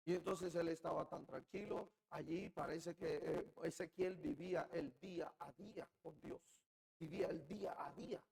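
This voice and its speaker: Gravelly, impassioned Colombian preacher. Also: male voice, a little high, steady tone, moderate pace, rough recording. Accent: Colombian Caribbean Spanish. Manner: swings from quiet musing to loud shouted outbursts. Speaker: pastor. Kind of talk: sermon.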